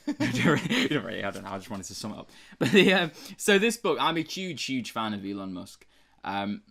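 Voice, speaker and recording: A man's voice: mid-range voice, big pitch swings, moderate pace, creaky, a bit bright. A young British man co-hosting a book review chat, talking casually and rambling with lots of fillers and restarts. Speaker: book review podcast co-host.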